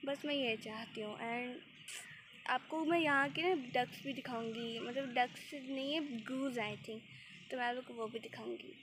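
A woman with a hoarse throat, chatting casually on a walking vlog in a park. She mixes English words into her talk and sounds a little shy. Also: sits high, a bit bright. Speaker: vlogger. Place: outdoor city park. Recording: noisy outdoor phone recording. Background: open-air park ambience.

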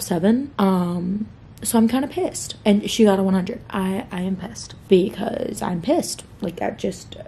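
A woman's voice: mid-range voice, creaky, mellow, a little hiss or hum. A young adult woman vlogging from home in a rambling casual chat, often saying "like". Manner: chatty and rambling, fond of saying "like".

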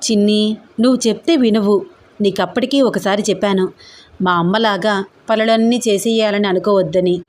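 A loving young man reassures his girlfriend in a steady, serious way, voiced by a woman reading an audio story. The pitch stays at the middle, with no deep shift for the male part. The delivery is plain storytelling, reassuring and earnest. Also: normal speed, close to an everyday voice.

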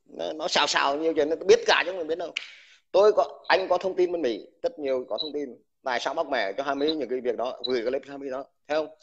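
In a fast, husky voice at a somewhat raised pitch, an army veteran delivers a furious, combative livestream rant packed with crude insults at the listener. He stutters over repeated words once he's worked up. The recording is dull and lo-fi.

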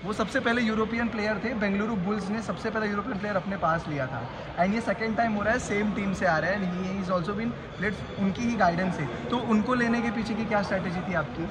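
A man's voice: sits high, a little fast, few pauses. Eager young male interviewer, heavy traffic. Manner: eager, mixes in English phrases. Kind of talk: fan-style interview questions. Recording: outdoor interview with loud traffic noise.

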